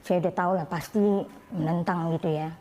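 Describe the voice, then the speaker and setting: Woman telling her story, mellow voice. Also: fairly even intonation, a little fast. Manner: plain storytelling, rising high when quoting others. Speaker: convert sharing her story. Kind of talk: personal testimony. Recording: faint background noise.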